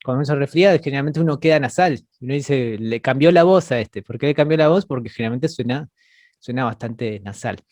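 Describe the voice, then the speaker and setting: A man's voice: mid-range voice, quick pace, darkish tone, no room sound, clean studio sound. A man teaching an online class over a video call, explaining patiently and often repeating words as he goes.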